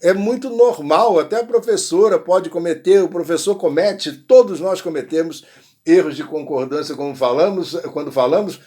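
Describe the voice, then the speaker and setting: A man with a Brazilian accent, teaching an English lesson and sounding out model phrases slowly, with frequent check-ins. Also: a little high, dark tone. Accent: Brazilian Portuguese. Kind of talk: explanatory language lesson.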